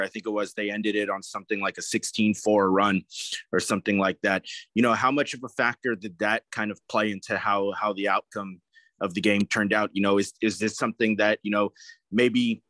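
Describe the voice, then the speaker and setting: A man's voice: lowish voice, a bit bright, no echo, low-quality recording. Male reporter with a rambling question. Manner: rambling question with many fillers. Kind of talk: press conference question.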